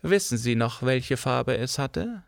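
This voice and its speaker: A man's voice: mid-range voice, expressive, measured pace, gravelly, no echo, studio quality. A man voicing a melodramatic former stage actress who declaims in a grandiose, self-pitying way in an audiobook. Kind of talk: audiobook character voice.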